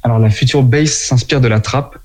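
A man presenting and explaining a music genre in French, in a clear explanatory way, with small slips he apologizes for. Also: mid-range voice, moderate pace, a little mellow.

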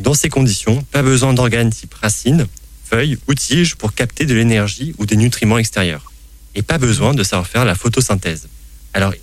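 A man's voice: mid-range voice, no echo. A man hosting a science talk show, explaining botany with a playful quizmaster manner. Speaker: science podcast host. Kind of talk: science chat with quiz.

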